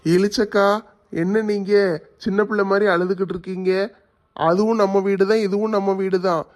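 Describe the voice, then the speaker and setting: High flat-voiced man. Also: normal speed. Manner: kind, reassuring elder tone. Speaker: father-in-law in a family skit. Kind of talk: family comedy skit acting.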